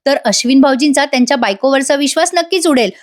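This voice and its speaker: A woman's voice: high-pitched, quick pace, natural voice. A woman reading the lines of a thoughtful young wife who confides a plan. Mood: confiding.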